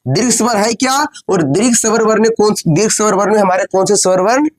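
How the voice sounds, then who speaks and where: A man teaching a coaching class, firing questions at his students, answering them himself and repeating phrases slowly while dictating. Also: high-pitched. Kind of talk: classroom lesson with call-and-response.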